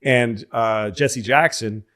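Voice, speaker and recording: A middle-aged man from Massachusetts, co-hosting a podcast in casual chat and telling anecdotes in an animated way, acting out the voices of other people. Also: medium pitch, slow pace. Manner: animated storyteller, acts out voices in his anecdotes. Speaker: podcast co-host.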